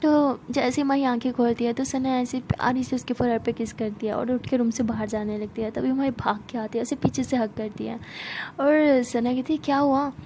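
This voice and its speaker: High-voiced woman telling a love story. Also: fairly even intonation, moderate pace, noisy background. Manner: conversational, narrates while voicing all characters. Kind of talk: casual oral storytelling.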